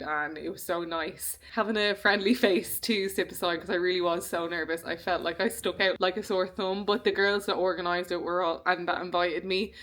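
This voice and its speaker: A woman's voice: lowish voice, a bit bright. A young woman chatting casually to camera in a vlog, rambling along with frequent ums. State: hiccuping. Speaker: beauty vlogger.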